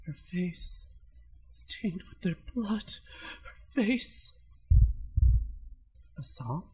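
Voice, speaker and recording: A woman's voice: lowish voice, lively intonation, extremely slow, heavy background noise. A woman playing a fragile, unhinged young man in an amateur radio play, with theatrical delivery over music. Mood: dazed, haunted. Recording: music behind the voice.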